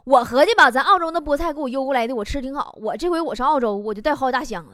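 A woman's voice: high-pitched, racing, fairly bright tone, no room sound, studio quality. A young woman comedian with a Northeastern Mandarin accent, telling a stand-up monologue with dialect slang and chuckles. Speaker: talk show comedian. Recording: noisy recording with clicks.

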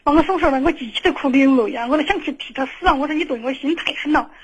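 A middle-aged woman speaking Sichuan dialect, calling in with an aggrieved, halting and repetitive personal complaint. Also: high voice, poor audio. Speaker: phone-in caller. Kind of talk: emotional personal storytelling.

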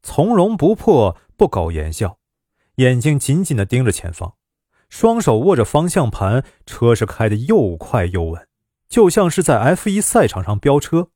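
Male narrator for a scripted story: expressive, animated pitch, dry close sound. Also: moderate pace, slightly rough, no echo.

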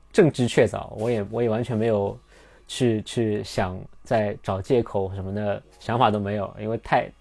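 Young male podcast host with a gravelly, low voice, casual and rambling delivery, restarts often. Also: darkish tone. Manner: rambling, many restarts and fillers. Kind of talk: casual storytelling monologue.

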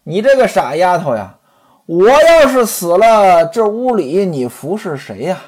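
A frail, kindly young wife on her deathbed, put on by a male storyteller, her voice lifted high and wandering up and down. She speaks softly with drawn-out particles, husky around the edges. A traditional storytelling performance. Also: sing-song, exaggerated voice. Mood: tender, resigned. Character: dying gentle young wife, kind to her servants.

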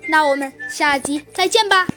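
Woman, children's storyteller, high voice, talks to kids, faint music behind. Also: normal speed. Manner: warm, direct address to children.

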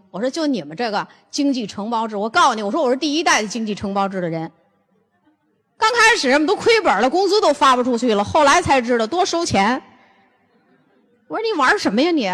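A woman's voice: a little high, long reverb tail. Blunt older woman lecturing. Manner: blunt, forceful storytelling with rhetorical questions. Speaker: lecturer on health and nutrition. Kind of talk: lively anecdotal lecture.

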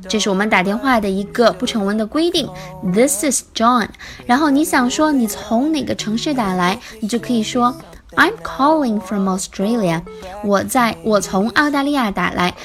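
A bright-voiced woman teaching English. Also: on the high side, animated, a little fast, hardly any pauses, faint music behind. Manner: explains phrase by phrase, repeating English lines. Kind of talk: language lesson explanation.

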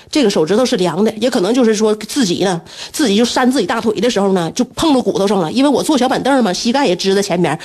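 High, fast-talking woman. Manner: animated, laughing often, breaks into shrill scolding. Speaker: radio host. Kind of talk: casual radio storytelling.

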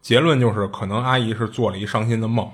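A man with a husky, slightly breathy voice tells a spooky anecdote in a relaxed, conversational way. He talks in a chatty, colloquial manner, doubling back on his words as he goes. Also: fairly low pitch, fast talker. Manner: chatty, colloquial, with frequent restarts and asides. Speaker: storyteller. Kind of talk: casual retelling of strange tales.

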